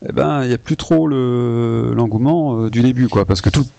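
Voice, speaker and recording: A man interviewing in a relaxed, casual way, hesitating with many fillers. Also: mid-range voice, moderate pace, gravelly, dry recording.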